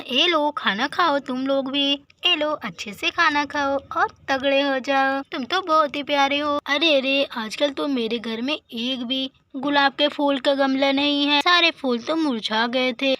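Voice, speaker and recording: A woman telling a village doll story in Hindi, chattering to herself in a lively, homely way. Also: high voice, measured pace, hardly any pauses, no echo. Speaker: storyteller voicing all the dolls. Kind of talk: Hindi doll story narration with character voices.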